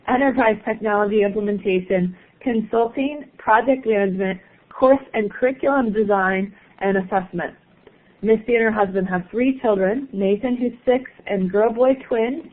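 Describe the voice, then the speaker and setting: A woman hosting a webinar, reading out a speaker introduction in an upbeat way. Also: mid-range voice. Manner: upbeat, laughs at own slips. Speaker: webinar host. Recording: phone-like webinar audio.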